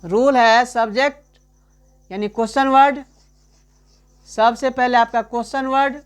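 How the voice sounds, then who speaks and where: High-voiced man teaching chattily. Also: fairly even intonation, clean tone. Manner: keeps asking "right?" and calling the listener "my friend"; repeats example sentences slowly for emphasis. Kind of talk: chatty online grammar lesson.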